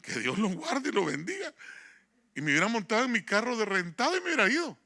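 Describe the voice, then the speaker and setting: Male pastor, bright, gravelly, lively storytelling sermon. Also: sits high, fast. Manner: storytelling, animated, acts out dialogue, addresses listeners as hermano. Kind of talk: sermon with personal testimony.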